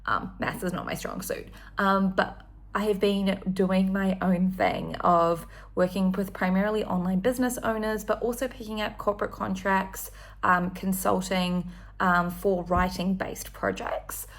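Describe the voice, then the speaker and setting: A woman's voice: medium pitch, measured pace. A woman in her thirties, from New Zealand, chatting enthusiastically in a casual one-take vlog with frequent ums. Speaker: vlogger.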